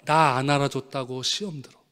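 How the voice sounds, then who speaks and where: A man, a pastor, preaching a sermon with animated storytelling, acting out voices from his anecdotes. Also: mid-range voice, brisk, clean tone. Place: church sanctuary. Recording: long hall reverb.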